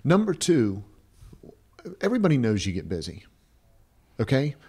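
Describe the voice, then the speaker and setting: The advice-podcast co-host, a man in his fifties, has a medium-pitched, mellow voice with a breathy edge and huge swings in pitch, at a moderate pace. He talks bluntly and emphatically, repeating phrases and asking "right?" He's recorded on a close stand mic in a small indoor studio.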